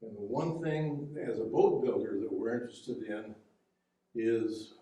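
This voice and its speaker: A man presenting a local history talk on boat building, explaining slides in a halting, conversational way with fillers and restarts. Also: lowish voice, mellow, recorded from a distance. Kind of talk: public history lecture with slides. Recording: echoey room, heard from afar.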